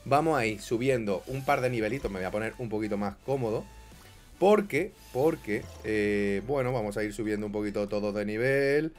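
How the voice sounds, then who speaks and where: A young man doing casual gameplay commentary, swinging grumbling mutters to excited yelps. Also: fairly low pitch, normal speed, soft background music. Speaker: gaming YouTuber.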